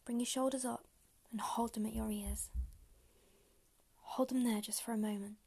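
Woman, meditation guide, whispers throughout, mellow and breathy, close-miked and unhurried. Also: a little high, fairly even intonation. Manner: slow, soft, unhurried instructions.

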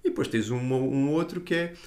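A man's voice: mid-range voice, normal speed, a little mellow. A man with a European Portuguese accent explaining his views earnestly and informally in a casual podcast conversation, with slangy check-in tags. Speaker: podcast guest.

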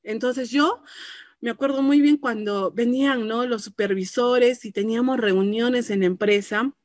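A woman's voice: fairly high pitch, normal speed, a little mellow, dry recording. A woman giving a heartfelt personal testimony, often ending phrases with a questioning tag. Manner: earnest and heartfelt, tags phrases with "¿no?". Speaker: business entrepreneur giving a testimony.

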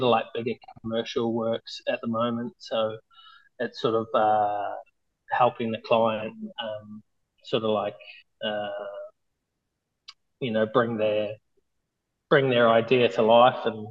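A man's voice: lowish voice, little pitch movement, slow pace, pauses often, highs cut off. A man in his thirties with a broad New Zealand accent, chatting casually as an interview guest in a laid-back, hesitant, informal way. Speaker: interview guest, mural artist.

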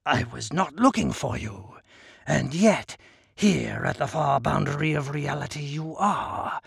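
Deep cunning djinn king played by a man, gravelly, bright, slow hushed menace, dry studio sound. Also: no echo, heavily acted. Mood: menacing. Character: cunning giant exiled djinn king, male. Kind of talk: audiobook character voice.

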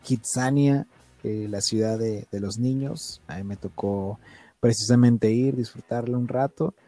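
Mexican guy, deep mellow voice, laid back slangy chat, dry sound, faint music. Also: measured pace, no room sound. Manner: relaxed, slangy, says "amigo". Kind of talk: casual storytelling chat.

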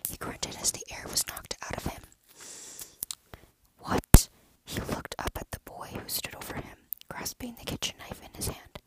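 A storyteller reading a dark horror story aloud in a steady, hushed whisper. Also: a little fast, few pauses, rough recording.

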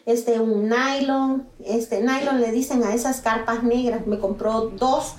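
A woman from Guatemala recounts her own experience in a lively, animated way. She speaks with a Guatemalan accent and acts out the people she quotes, in a voice pitched a little high. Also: takes it slowly, echoey room, a little hiss or hum. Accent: Guatemalan Spanish. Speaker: interviewee. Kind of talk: personal testimony.

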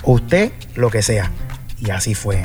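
A man's voice: on the low side, very animated, takes it slowly, a little mellow. Puerto Rican male singer, rambling storyteller, fillers galore, light music bed. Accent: Puerto Rican Spanish. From Puerto Rico. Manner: chatty storyteller, many fillers and restarts. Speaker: salsa singer, guest. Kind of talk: casual interview chat.

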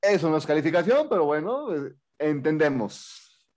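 A man's voice: a little high, sing-song, normal speed, darkish tone. A man with a Mexican accent co-hosting a movie review show, talking in slangy, incredulous rants in a casual, humorous chat.

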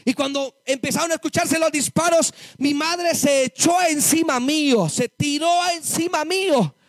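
Very high-voiced preacher, impassioned. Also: male voice, normal speed, no echo, clean studio sound. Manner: addresses listeners as brothers, rises to shouted exhortation. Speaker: preacher giving testimony. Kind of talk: impassioned testimony sermon. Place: church service before a congregation.

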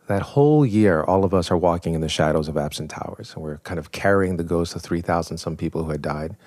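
A man's voice: deep voice, fast, a little mellow, dry recording. A man in his forties from New York, a professor telling a vivid, self-mocking story as a podcast guest.

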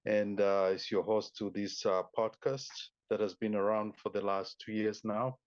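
Low-ish male host, lots of uhs, kinda muffled dry sound. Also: flat delivery, moderate pace, a little mellow, dry recording. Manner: hesitant, filler-heavy, welcoming. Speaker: podcast host. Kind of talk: interview conversation.

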